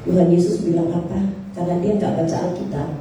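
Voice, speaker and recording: A woman preaches in a loose, conversational way, telling a story to her congregation. Her voice is dark and mellow, and it sits far from the microphone in a very echoey church hall. A faint hiss stays under everything. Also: lowish voice, fairly even intonation, fast talker. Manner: conversational, addresses the congregation directly. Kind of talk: storytelling sermon. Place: church service.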